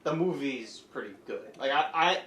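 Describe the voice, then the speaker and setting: A man's voice: mid-range voice, expressive, normal speed, a bit bright. Eager young man in an echoey room. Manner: eager, enthusiastic, slangy. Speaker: podcast co-host. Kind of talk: casual chat.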